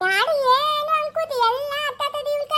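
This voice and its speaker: A woman voicing a cheerful older village mother who dotes on a baby and teases in a loud, shrill way. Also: fairly even intonation, normal speed. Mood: doting. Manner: teasing, doting, loud. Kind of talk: cartoon voice acting.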